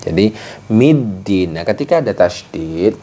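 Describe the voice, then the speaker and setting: A man teaching Quran recitation rules in a patient, explanatory way, breaking into slow chanted examples. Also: low voice, a little mellow, slight background noise. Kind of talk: tajwid lesson with recited examples.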